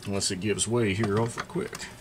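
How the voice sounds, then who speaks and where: A man's voice: lowish voice, steady tone, moderate pace, background noise. Chatty man in a repair workshop. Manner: chatty, thinking aloud while working, bursts of surprise. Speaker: chainsaw repair channel host. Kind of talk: casual workshop show-and-tell.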